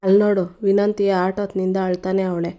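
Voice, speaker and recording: A firm, reassuring household matriarch, as a woman narrator puts her on, speaking low and mellow with an even melody. She sounds steady and in control of the family. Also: brisk, close to an everyday voice. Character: calm elder sister-in-law, firm and reassuring.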